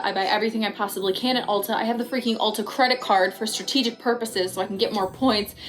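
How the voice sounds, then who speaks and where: A woman's voice: fairly high pitch, a bit bright. A woman giving a casual, ranting product review in a chatty way, stressing and stretching words for drama. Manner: chatty, dramatic emphasis with drawn-out, repeated words. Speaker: YouTube host. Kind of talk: casual rant-style product review vlog.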